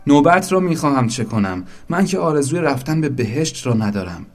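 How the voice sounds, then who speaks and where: A man voicing Little Zoraq, a small, stubborn soul who pleads loudly and insistently. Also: medium pitch, pitched above the performer's own voice, close to an everyday voice.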